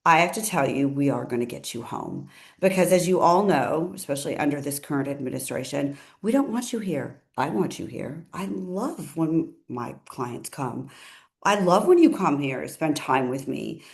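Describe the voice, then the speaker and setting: Woman lawyer, lowish voice, chatty legal commentary with self-corrections and asides. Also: lively intonation, normal speed, vocal fry, a little mellow. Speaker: attorney.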